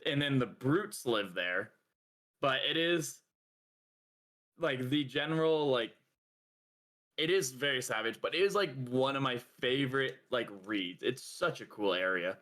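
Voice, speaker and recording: Bright-voiced young man chatting on a podcast. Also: mid-range voice, expressive, measured pace. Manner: rambling, lots of fillers, laughs often. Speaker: podcast co-host. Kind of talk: casual chat.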